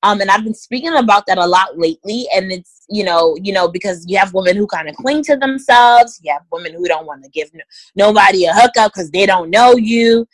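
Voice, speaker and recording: A woman's voice: mid-range voice, fairly quick, no echo, poor audio. A woman giving direct, emphatic career advice in a conversational interview, speaking straight to listeners. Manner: direct, emphatic, addresses listeners as guys and ladies.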